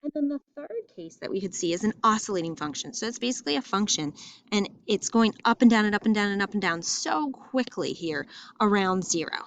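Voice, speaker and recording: A woman teaching a math lesson in a school, talking in a lively, emphatic way and repeating phrases for stress. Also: medium pitch, a little fast, no echo. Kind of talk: classroom lesson walking through graphs. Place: school classroom or building with loudspeaker.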